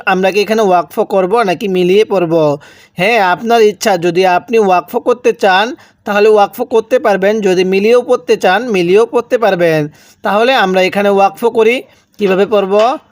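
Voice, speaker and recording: A man teaching Quran reading in Bengali with a Bangladeshi accent, spelling out words slowly and asking and answering his own questions. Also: high-pitched, no room sound, studio quality. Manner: drills syllable by syllable, asks and answers own questions. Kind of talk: slow spelled-out recitation lesson.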